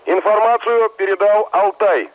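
A man reading a formal announcement over a police radio channel, measured and repeating key phrases. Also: high-pitched, steady tone, slight background noise. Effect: police radio transmission. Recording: tinny radio band.

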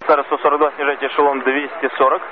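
A male air traffic controller speaks very quickly in clipped, procedural phrases. His middle-pitched voice comes through a thin radio channel with clear noise behind it. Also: level tone, phone-quality sound. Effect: radio transmission.

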